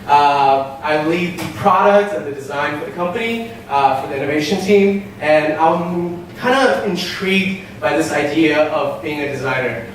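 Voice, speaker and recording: A young man with a fairly high voice gives an animated, story-driven opening talk at a design meetup, filling pauses with "uh". The mic catches him from a distance, so the voice carries a heavy echo off the hall's hard surfaces, with a faint hum of room noise behind. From Nepal-born, raised in Shanghai, China. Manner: animated storytelling with frequent filler "uh". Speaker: meetup host and speaker. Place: event space with an audience. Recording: very echoey hall, voice from afar.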